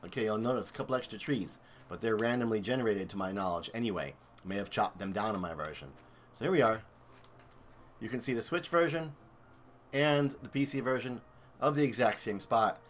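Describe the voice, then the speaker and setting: A man's voice: lowish voice, fairly quick, slight background noise. A man streaming and commentating a video game comparison in a chatty, enthusiastic way. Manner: chatty, enthusiastic, thinks aloud. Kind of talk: casual gameplay commentary.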